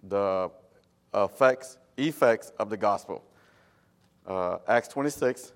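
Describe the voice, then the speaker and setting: Male missionary preacher, Cambodian accent, Khmer native, halting sermon delivery in non-native English. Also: fairly low pitch. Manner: halting, with nonstandard English phrasing. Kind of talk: church sermon.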